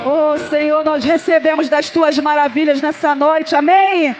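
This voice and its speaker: A woman's voice: sits high, steady tone, measured pace. A woman worship leader declaring a repetitive, fervent prophetic prayer over the congregation. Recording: spoken over clear worship music.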